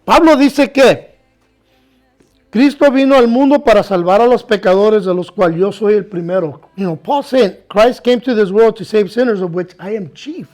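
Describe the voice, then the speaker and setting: A man preaching a bilingual sermon. He says each line in Spanish, then repeats it in English, and slows down to read scripture aloud. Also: high voice, a little mellow, faint music behind. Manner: reads scripture aloud, slowing for emphasis. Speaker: pastor.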